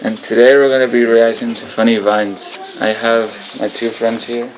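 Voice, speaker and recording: A man's voice: medium pitch, flat delivery, moderate pace, music in the background. A young man hosting a casual reaction video, talking into a tablet in a room at home. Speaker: vlog host. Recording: noisy, clicky home recording.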